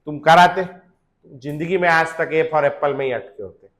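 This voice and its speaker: A man in his thirties teaching chemistry to a classroom in a casual lecture. He asks tag questions over and over and makes the class chant formulas loudly and slowly. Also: a little high, fairly even intonation. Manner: chatty, rhetorical tag questions, drills formulas by loud slow chanting.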